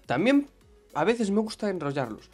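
A young man with a Madrid accent, chatting casually as a podcast co-host, relaxed and swearing offhandedly. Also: sits high, normal speed, soft background music. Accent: Madrid Spanish. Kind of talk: casual chat.

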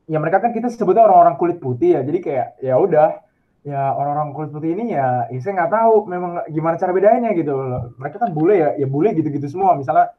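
Young male student, from Indonesia, chatty and animated; tinny phone-line sound. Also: on the high side, fast talker. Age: young adult. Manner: chatty, animated storytelling with laughs. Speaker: student abroad. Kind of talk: casual video call chat. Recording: tinny phone-like call audio.

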